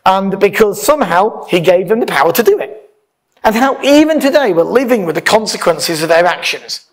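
A male pastor delivers an informal, conversational sermon from a lectern on a church hall stage, partly reading aloud and landing emphatic stresses. His voice sits high, with lively intonation and a moderate pace.

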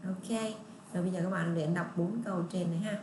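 A woman teacher with a Southern Vietnamese accent talks to young children in an online lesson, explaining English pronunciation and drawing out each model sentence so they can copy it. The room around her is echoey, with faint ambient noise behind her. Her pitch sits in an ordinary middle range. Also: steady tone. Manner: patient, repetitive, drawn-out model readings.

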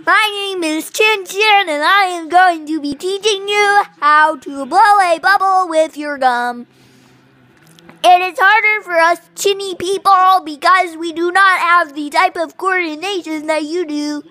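A woman voicing a quirky, boastful little chin creature who gives slow, self-important instructions in a comic how-to skit. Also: extremely high pitch, pushed and bright, heavily acted.

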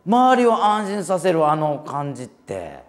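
A man in his forties with a Kansai accent, a comedian hosting a talk show and telling a lively story with laughs. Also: on the high side, unhurried. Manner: animated, laughing anecdote-telling. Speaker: comedian host.

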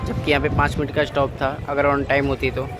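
A man's voice: medium pitch, monotone, fast, over loud music. A young man chatting to his viewers as he films a train journey on his phone, addressing them as friends. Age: young adult. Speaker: railfan vlogger. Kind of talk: casual travel vlog narration. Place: moving train and station platforms, at night. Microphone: phone held close or at arm's length. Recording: loud train noise behind. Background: loud train and station noise.

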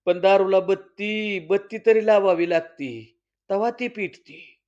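A man voicing an earnest rural mother, steady and protective, speaking in a firm counselling tone. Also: high voice, takes it slowly. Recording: slightly dull lo-fi recording.

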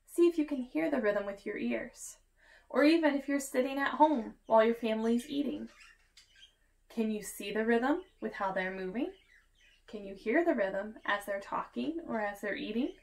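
A woman's voice: fairly high pitch, normal speed, gravelly, a little mellow. A woman reading a children's picture book aloud as a teacher, chanting the rhythm words in a sing-song way and inviting the kids to join in.

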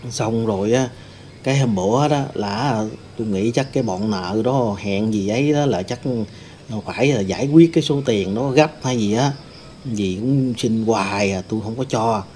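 Casting note: a man as a grieving young male ghost, mellow voice, rambling telling. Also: on the low side, normal speed, slight background noise, close to an everyday voice. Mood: sorrowful. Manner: rambling storytelling, many fillers. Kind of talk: staged ghost-hunting role-play.

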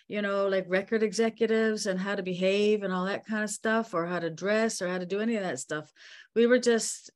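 A woman in her sixties, a musician from Newfoundland, talking candidly in a video-call interview, with halting restarts and fillers. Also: medium pitch. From Newfoundland, Canada. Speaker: musician guest. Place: bright home room by a window. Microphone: video call laptop mic.

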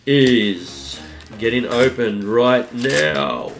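Against a noisy background, a man opens trading card packs on his casual YouTube vlog from a colored-light home room, talking into a studio mic on a desk arm. His mid-range voice is animated but very slow and slightly husky from a recent bug, and he keeps things upbeat, chatty, and hype-building.

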